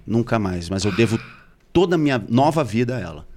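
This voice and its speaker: A man's voice: mid-range voice, very animated, quick pace, a little mellow. A man telling a personal story in casual slangy chat.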